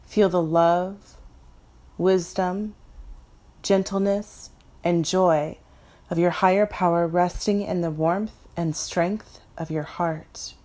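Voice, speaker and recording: A woman from Florida leading a guided meditation in a soft, calm, instructive way. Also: lowish voice, slow pace.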